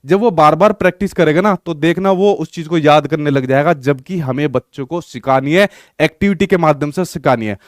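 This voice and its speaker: A man's voice: on the high side, brisk, dry recording. Man teaching an exam-prep lesson, dry sound. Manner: explanatory, repeats "ठीक है" often.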